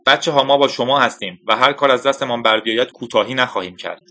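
A man reading the lines of a male air force general with a firm, measured delivery. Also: mid-range voice, sharp tone.

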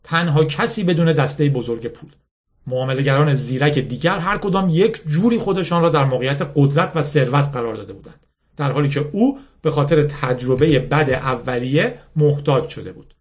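A man reading a novel aloud, voicing the dialogue with a lifted pitch and sometimes pausing to explain a term. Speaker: narrator.

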